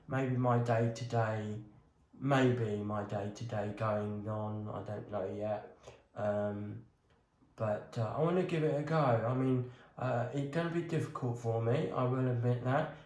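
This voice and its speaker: This man talks slowly and unhurriedly, pausing often with ums as he walks viewers through a hands-on craft project. His voice sits at an ordinary middle pitch. The sound is roomy, with noticeable echo off the walls. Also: darkish tone. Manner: hesitant, many ums, talks himself through each step. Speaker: crafting vlogger. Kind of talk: casual talk while working on a bonsai.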